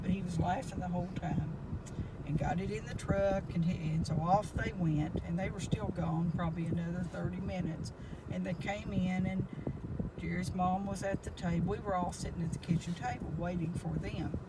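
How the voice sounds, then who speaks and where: Woman storytelling over loud road noise. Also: lowish voice. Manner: folksy, rambling. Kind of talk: casual anecdote storytelling. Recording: loud car and road noise, distant mic.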